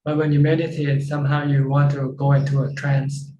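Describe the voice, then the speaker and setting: A monk speaks in a flat, level tone with a dark, mellow voice. He explains simply and repeats phrases as he answers. The call audio is roomy and dull. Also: fairly high pitch, fairly quick, slight background noise. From Thailand. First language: Thai. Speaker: Buddhist monk teacher. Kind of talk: dharma Q&A talk. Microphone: video call.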